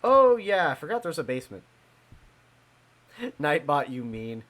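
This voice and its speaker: A man's voice: fairly high pitch, big pitch swings, a bit bright. A young man streaming a ghost-hunting game live, chatting casually with his viewers and laughing easily. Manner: chatty, talks to chat, quick laughs.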